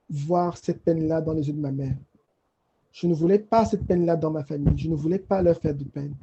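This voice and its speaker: A man on a panel telling his personal faith testimony in an emotional, halting way, often repeating phrases. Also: a little high, warm tone, slightly rough, muffled recording.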